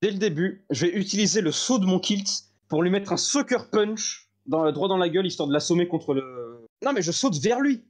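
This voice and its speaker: Man, tabletop player, high voice, excitable, joking, casual. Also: moderate pace, hardly any pauses. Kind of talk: casual tabletop game play.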